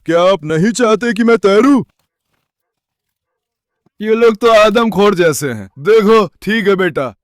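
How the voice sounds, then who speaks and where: A man's voice: sits high, animated, slow pace, long pauses, dry recording. A young man casually talking on a vlog, coaxing and calling to his dogs. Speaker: vlogger with dogs.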